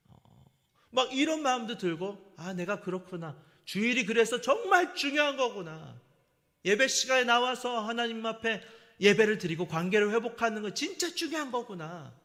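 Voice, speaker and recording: A man's voice: sits high, a bit bright. A middle-aged man preaching a sermon as a pastor, telling a personal story and acting out the lines he quotes. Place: church sanctuary. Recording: long church-hall reverb.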